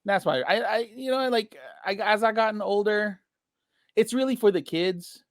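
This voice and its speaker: A high-voiced man hosts a laid-back podcast, joking around and laughing easily. His voice sits close and dry on the mic, with no room sound behind it. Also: no room sound. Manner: laughs a lot, quick joking delivery. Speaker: podcast host. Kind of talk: casual banter on a trading show.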